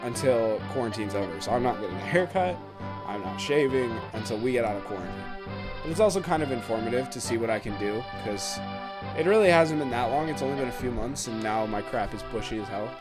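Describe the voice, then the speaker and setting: A man's voice: medium pitch, animated, fast talker. A man in his twenties giving casual gameplay commentary at home, rambling with lots of ums and uhs. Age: 20s. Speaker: let's play host. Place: at home during quarantine. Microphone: webcam setup. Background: game music.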